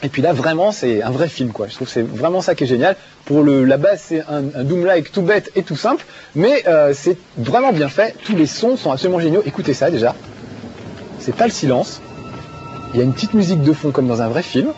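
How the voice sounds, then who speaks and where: High-voiced enthusiastic game show host. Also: male voice, animated, brisk, a little mellow. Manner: chatty, enthusiastic, laughs often, many fillers. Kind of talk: casual game presenting while playing. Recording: dull TV broadcast audio with faint music.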